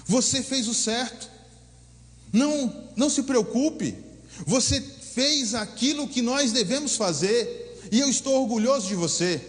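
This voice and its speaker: A man's voice: extremely high pitch, measured pace. A man voicing a proud father who reassures his son. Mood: reassuring. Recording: long hall reverb.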